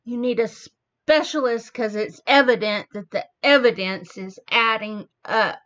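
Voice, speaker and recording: A woman hosting a reaction video, slowly explaining the wordplay of a song line by line. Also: fairly high pitch, fairly bright tone. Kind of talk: casual commentary. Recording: dull lo-fi audio.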